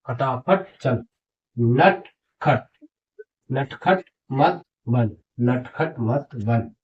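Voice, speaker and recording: A man teaching at a board, reading each word aloud twice in a drawn-out, emphatic way. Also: medium pitch, darkish tone. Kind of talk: board lesson, reading words aloud slowly. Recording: dull lo-fi audio.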